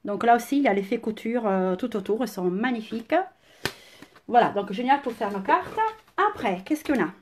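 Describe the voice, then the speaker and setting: Chatty Italian-accented woman, fairly high voice. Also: darkish tone, a little hiss or hum. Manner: chatty and enthusiastic, often pausing on "euh". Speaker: crafting product demonstrator. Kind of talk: casual live-stream unboxing chat. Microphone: phone camera.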